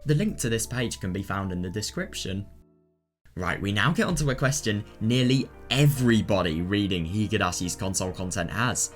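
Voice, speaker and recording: With a fairly low, animated voice at normal speed, a man presents a video guide. His narration is scripted, methodical, and instructional, with background music playing.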